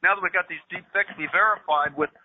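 A man's voice: high-pitched, quick pace, a little hiss or hum. An older man co-hosting a tech radio show, calling in by phone and reading news items with many restarts and fillers. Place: at home, calling in remotely. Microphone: phone headset. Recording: tinny phone line.

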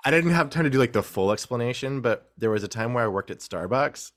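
A man's voice: mid-range voice, lively intonation, fast talker, a bit bright. A man guesting on a podcast, telling rambling stories in casual chat, often breaking off and restarting his sentences. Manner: rambling storyteller, self-interrupting.

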